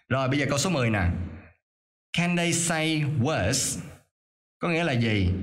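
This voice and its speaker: A male teacher doing a voice-over for a lesson: he reads English sentences slowly and carefully, then explains them quickly. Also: mid-range voice. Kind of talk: explaining an English reading exercise.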